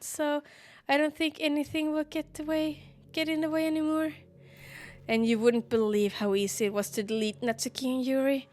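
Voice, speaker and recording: A woman reading aloud as a lovestruck, self-aware teenage game girl, soft and earnest in her devotion. The voice sits a little high and stays tender throughout. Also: lightly acted.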